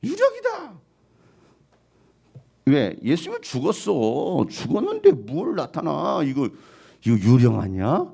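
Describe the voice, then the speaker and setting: A male pastor preaching a sermon in an animated way, at times acting out the voices he quotes. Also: medium pitch, measured pace, creaky, breathy edge.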